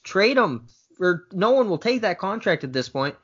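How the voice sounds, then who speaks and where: A man co-hosting a sports podcast gives short, laid-back answers and throws out trade ideas. His voice is a little high for a man. The audio is dull and lo-fi. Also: big pitch swings, moderate pace, fairly bright tone, breathy edge. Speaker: podcast co-host. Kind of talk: casual sports chat.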